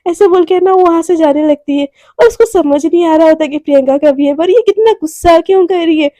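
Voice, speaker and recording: A woman narrates a story in a relaxed, chatty manner, as if talking to friends. Her voice is high and mellow, and the close recording sounds dry with no room around it. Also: fast, no echo. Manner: chatty, conversational, uses fillers like "ना". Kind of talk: casual spoken storytelling.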